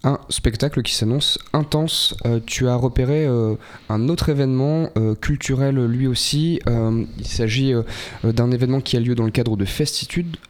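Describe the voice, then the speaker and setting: A man hosts a radio magazine show in a mid-pitched voice. He introduces each segment and his co-host, pausing often on hesitant filler sounds. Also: a little mellow.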